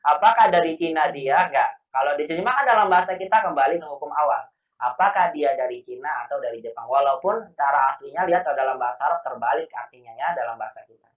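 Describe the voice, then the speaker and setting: A man's voice: on the high side, fast talker, lo-fi sound. Patient man teaching, distant and echoey. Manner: patient, correcting students gently. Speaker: Arabic teacher. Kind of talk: online class teaching.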